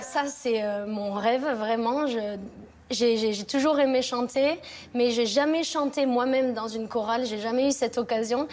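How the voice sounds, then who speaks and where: A woman's voice: fairly high pitch, fairly even intonation, moderate pace, darkish tone, a faint crowd. A woman in her thirties from Lozère with a southern French accent, talking in a hesitant, casual interview as a French teacher and choir leader, with many restarts and fillers. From Lozère, southern France. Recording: noticeable background noise.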